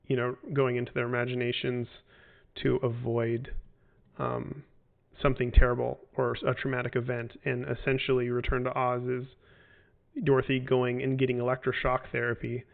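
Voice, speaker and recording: A game developer in his forties loosely works through fan questions on a casual livestream, his gravelly, flat, medium-pitched voice moving at a moderate pace. He wanders, hesitates, and restarts often, leaning on fillers, and the sound is tinny like a phone line.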